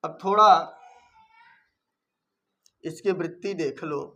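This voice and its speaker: A man's voice: fairly high pitch, takes it slowly, sharp tone. A man teaching an online grammar lesson, reciting rules syllable by syllable and then explaining them with rhetorical questions.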